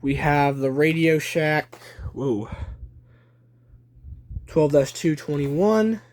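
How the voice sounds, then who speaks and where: A young man with a slightly high, somewhat mellow voice narrates a casual show-and-tell of his collection in short, deliberate phrases. Working from a small room at home, he shoots on a handheld phone from behind the camera, leaving faint noise and clicking in the recording.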